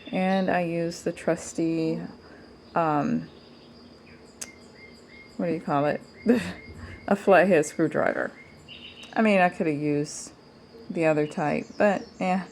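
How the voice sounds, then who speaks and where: Muffled, creaky-voiced woman, unhurried. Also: sits low, a little mellow, a little hiss or hum. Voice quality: muffled by a mask over the mouth. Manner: informal, unhurried, thinking aloud. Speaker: DIY tutorial host. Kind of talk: casual hands-on demonstration, talking to viewers.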